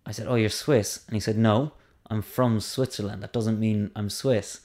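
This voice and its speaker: A man with a fairly low voice chats casually on a comedy podcast. He talks hesitantly, with many restarts and trailing thoughts, and is self-deprecating about his own stage mishaps. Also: steady tone, normal speed, darkish tone. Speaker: stand-up comedian.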